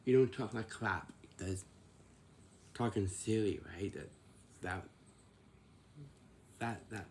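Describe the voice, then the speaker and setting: Young guy in his twenties, low gravelly voice, slow and repetitive, quizzing himself in a casual chat to camera. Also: a little mellow. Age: 20s. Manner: repetitive, asks himself questions and answers them.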